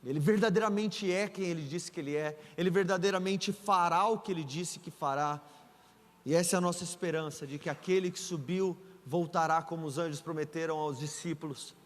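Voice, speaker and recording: A pastor with a fairly quick, high-leaning voice preaches a sermon in a large church hall, telling the story playfully and acting out the dialogue. Long reverb fills the echoey space.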